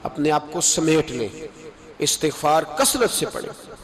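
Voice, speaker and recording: A man preaching a sermon with passion, his voice climbing into high emphatic calls. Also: sing-song, a crowd in the background.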